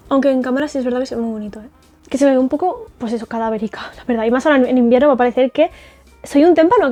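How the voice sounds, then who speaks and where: In this casual beauty vlog, a young Spanish-accented woman from Spain reviews makeup by trying it on camera. She speaks in a high, warm voice, gushing with plenty of fillers and tag questions, while faint background music plays.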